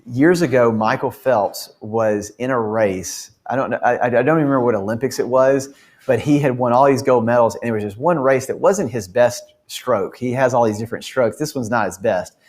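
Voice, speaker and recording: A man giving a faith-based motivational talk to his company, telling stories in an earnest, animated way with frequent restarts. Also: medium pitch, moderate pace.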